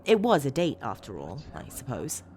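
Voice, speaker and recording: Woman acting a low-voiced, obsessive woman confessing. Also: wildly swooping pitch, normal speed, a little mellow, slight background noise, heavily acted. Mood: wistful, eager. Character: disturbed, obsessive woman confessing with eager, unsettling fondness. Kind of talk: first-person horror story narration, acted monologue.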